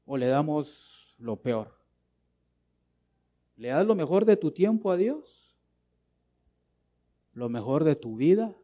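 Pastor guy preaching, fairly high but mellow voice, throws questions at the crowd. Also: very animated, slow pace, pauses often. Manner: preaching with rhetorical questions and repetition; swings between loud emphatic bursts and quiet asides. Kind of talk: sermon.

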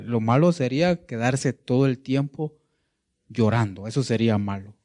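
Male preacher, mid pitch, conversational sermon, asks the flock questions, checks in with "right?", pauses to find words. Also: darkish tone. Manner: asks the congregation rhetorical questions, repeats "¿verdad?"; searches for words mid-sentence.

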